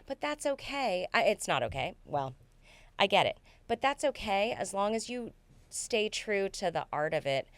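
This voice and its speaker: A woman hosting an online acting Q&A over a video call, chatty and agreeable, often chiming in with quick replies. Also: mid-range voice, big pitch swings, no room sound. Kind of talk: casual conversational chat.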